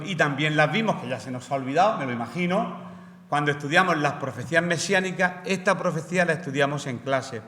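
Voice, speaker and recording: Bright-voiced man preaching in a church. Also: a little high. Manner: explanatory, asks the congregation rhetorical questions. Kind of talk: sermon. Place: church hall. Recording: roomy church hall reverb.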